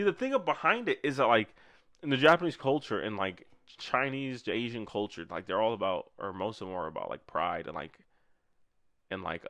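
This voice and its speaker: A young man talking casually on a podcast, his voice low-pitched and swinging up and down as he gets worked up. He swears freely and the sound is dry and close. He cuts in often and keeps the talk rambling and loose. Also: vocal fry, no room sound. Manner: animated, swearing, bursts of laughter. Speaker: podcast co-host. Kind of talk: unscripted casual chat.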